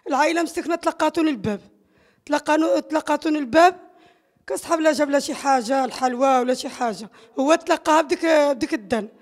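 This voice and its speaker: A woman's voice: high voice, fast. A middle-aged woman with a northern Moroccan Arabic accent, distraught and crying as she gives an anguished, repetitive, pleading testimony to a news reporter. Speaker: bereaved mother interviewed. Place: small bare concrete room or entryway indoors. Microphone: reporter's handheld microphone held close.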